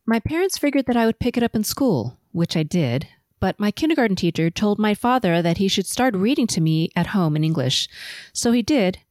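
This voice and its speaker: A middle-aged woman from Los Angeles hosting a solo podcast, telling her life story in a measured, composed, prepared way. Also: medium pitch, big pitch swings, a little mellow, dry recording, clean studio sound. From Los Angeles, USA. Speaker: podcast host. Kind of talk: autobiographical solo podcast narration.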